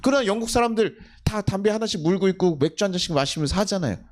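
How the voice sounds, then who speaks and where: A man's voice: high voice, lively intonation, quick pace. A middle-aged male pastor preaching a sermon in a church. He keeps putting questions to the congregation and then answers them himself. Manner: acts out quoted family scolding in a livelier voice. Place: church sanctuary.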